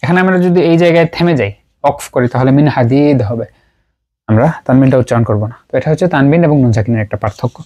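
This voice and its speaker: A patient male recitation teacher walks through rules one step at a time, stopping often to repeat each term slowly. His delivery halts with fillers and pauses as he works through written examples, in a voice of ordinary middle pitch. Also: warm tone, dull audio. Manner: patient, drills terms by slow repetition; halting, with frequent pauses and fillers. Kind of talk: explanatory lesson at a writing board.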